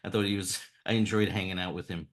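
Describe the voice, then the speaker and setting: A middle-aged man with a fairly low voice tells anecdotes as a guest cartoonist. His delivery is loose and rambling, full of restarts, and he chuckles often as he goes. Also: fairly even intonation, fast. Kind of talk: casual anecdotal storytelling.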